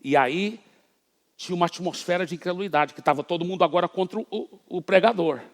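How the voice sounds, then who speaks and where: Preaching man with a high voice. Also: fairly quick. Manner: dramatic storytelling, swinging between soft asides and loud exclamations. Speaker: pastor. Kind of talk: sermon. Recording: echoey hall reverb.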